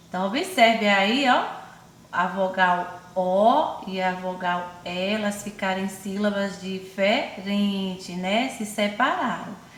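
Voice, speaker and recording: A woman with a Brazilian accent teaching young children in an online class, speaking affectionately and stretching words out slowly syllable by syllable. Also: mid-range voice, a bit bright, roomy sound, slight background noise. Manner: affectionate, calls pupils "my loves" and herself "auntie". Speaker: primary school teacher.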